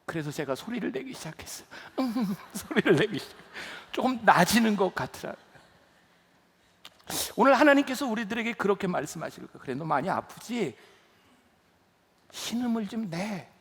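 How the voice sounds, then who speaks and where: A man's voice: high-pitched, vocal fry. A middle-aged man preaching a sermon as pastor, telling stories and rising to emphatic pleas. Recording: long reverb of a church hall.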